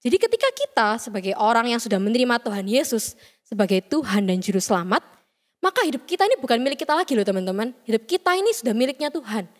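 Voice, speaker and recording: A young woman gives a chatty youth sermon, playfully acting out the voices she quotes. Her voice sits high and her words come fast. A long hall reverb trails behind her. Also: sing-song. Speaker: youth service speaker.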